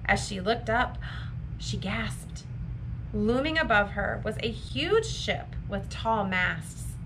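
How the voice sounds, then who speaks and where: This is a female storytime reader taking her time over each line. She speaks at a middle pitch and reads expressively for a young audience while background noise is clearly audible.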